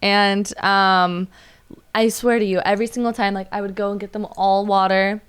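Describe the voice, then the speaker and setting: A woman's voice: mid-range voice, level tone, moderate pace, clean tone. A young adult woman, a waitress, chatting as a podcast guest and telling stories with lots of fillers. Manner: chatty storyteller with many fillers and likes. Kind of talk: casual podcast chat, storytelling.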